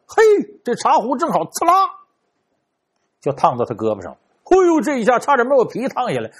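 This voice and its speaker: Husky animated Beijing storyteller. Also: male voice, sits high. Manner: animated, chatty asides, playful. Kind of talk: traditional spoken storytelling.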